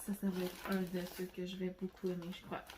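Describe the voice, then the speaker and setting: Over a noisy background, a Quebec woman with a Québécois French accent runs through a nail product haul at home for her beauty vlog. She speaks a little fast in a fairly low, completely flat voice. The chat is casual and rambling, full of fillers and restarts.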